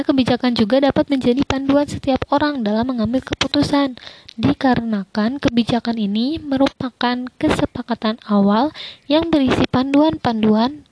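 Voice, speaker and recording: A young woman, a university student, reading her prepared coursework answers aloud in a measured, careful way. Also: on the high side, a little mellow, poor audio. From Indonesia. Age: young adult. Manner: measured, careful recitation with occasional slips.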